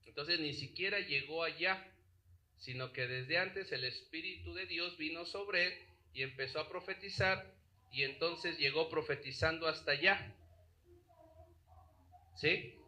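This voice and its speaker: Man preacher with a bright, cutting voice and a slightly high pitch, questions the flock often. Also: measured pace, pauses often, rough recording. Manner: asks the congregation rhetorical questions. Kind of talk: sermon.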